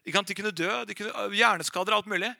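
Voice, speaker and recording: A man's voice: high voice, fairly even intonation, creaky, pushed and bright, dry recording, clean studio sound. A middle-aged man, preaching a sermon in an earnest, emphatic way and quoting scripture.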